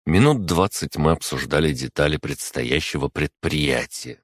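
A man narrating a first-person story in a calm, even storytelling manner. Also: a bass voice, moderate pace, dry recording. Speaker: audiobook narrator.

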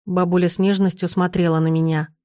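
A woman narrating an audiobook in a measured storytelling manner on a close studio mic. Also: on the low side, little pitch movement, dark tone, no echo. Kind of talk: scripted narration.

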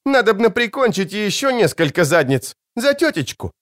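A man voicing a wounded, brash young woman warrior in a high, coarse girlish voice for an audiobook. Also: sing-song, moderate pace, a bit bright, dry recording, studio quality. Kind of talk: audiobook character voice.

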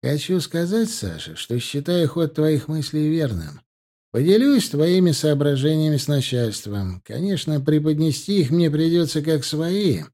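A man voicing a calm, stern counterintelligence captain who speaks in an impassive, measured way. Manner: impassive, measured, slightly higher pitch.

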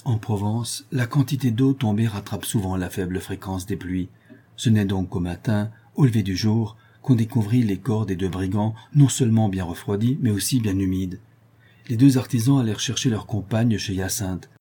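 A man reading a historical novel aloud in a steady, measured way. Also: on the low side, breathy edge. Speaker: audiobook narrator. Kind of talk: scripted narration of a historical novel.

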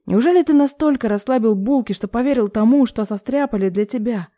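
A woman voicing a calm, sarcastic young man held in jail, coolly mocking his father. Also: on the high side, brisk, voice pushed up, lightly acted. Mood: scornful. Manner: cool, sarcastic.

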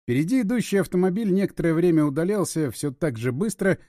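A man narrating an audiobook with an expressive, dramatic reading. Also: high voice, quick pace, dry recording, clean studio sound.

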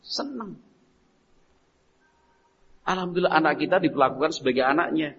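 A man preaching a sermon, telling stories and acting out everyday dialogues with lively shifts in voice. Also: fairly high pitch, moderate pace, a little hiss or hum. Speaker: Islamic preacher. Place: mosque. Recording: dull, echoey mosque recording.

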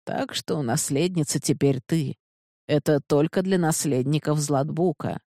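A woman reads as a frail, forgetful old count in an audiobook, his words coming slow and halting. The voice trembles. The tone stays low and mellow, close and dry. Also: no room sound. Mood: confused. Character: frail old confused count, grieving father.

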